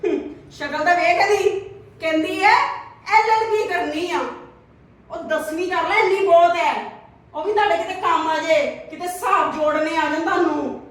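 A woman's voice: very high voice, fairly even intonation, normal speed, a bit bright. An actress playing a scornful rich woman who taunts her maid's daughter with mocking laughter. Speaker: actor in a short family drama. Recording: echoey room, voice from a distance.

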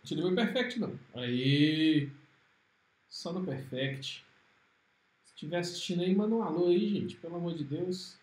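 A man with a Brazilian Portuguese accent giving excitable, trash-talking commentary while streaming a fighting game. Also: a little high, unhurried, roomy sound. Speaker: gaming streamer. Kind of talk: live gameplay commentary.

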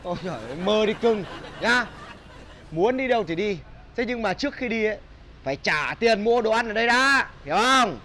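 A very high, bright voice: a rowdy young guy who pleads and scolds melodramatically in quick bursts, as an actor plays him. He has a Northern Vietnamese accent. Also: expressive. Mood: scolding. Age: young adult. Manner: fast, exaggerated pleading and scolding. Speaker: actor in comedy sketch.

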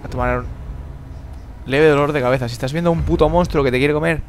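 Man, horror gameplay commentary, frantic and swearing, slightly high voice, clear background noise. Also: fairly even intonation, fairly quick. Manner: frantic, swears a lot, repeats words in panic. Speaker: gamer.

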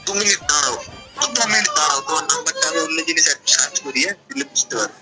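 A man from West Bengal, India, with a West Bengal accent, is the recipient of a prank call, chatting casually on the phone in a questioning, insistent way. His voice sits on the high side, expressive and rapid-fire, over loud music.

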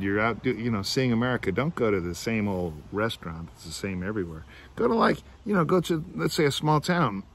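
A middle-aged male teacher with a mid-range voice, filmed outdoors among trees on a phone camera held at arm's length, explains a class assignment. He rambles, restarts his sentences and thinks aloud, with slight background noise.

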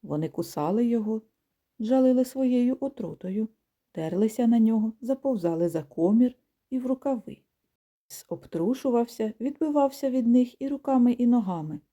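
A woman reading a children's storybook aloud in a calm, measured, gently expressive way. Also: a little high. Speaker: audiobook reader. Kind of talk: storybook narration.

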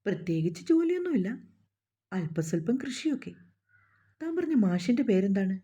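Woman voicing Vishnu, a calm, kindly young man. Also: medium pitch, moderate pace, slightly rough. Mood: reassuring. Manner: gentle, reassuring. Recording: dull lo-fi recording.

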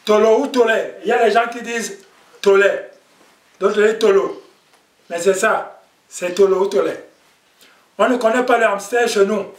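A man's voice: high voice, steady tone, normal speed, pauses often. A man teaching a language class, patient, repeating each word and checking in with "ok?". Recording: echoey room, distant mic.

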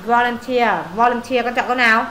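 A woman with a slightly high, level voice tutors a pupil in English, speaking fairly quickly in a bright, forceful tone. She peppers him with questions in this casual homework session, scolding and teasing his mistakes, with slight background noise in an echoey room with faint ambience.

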